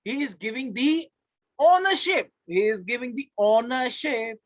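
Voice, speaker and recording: A man's voice: extremely high pitch, normal speed, no echo. A man with an Indian accent teaching a live online class, emphatic and repeating key phrases. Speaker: law teacher. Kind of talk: live online lecture to students.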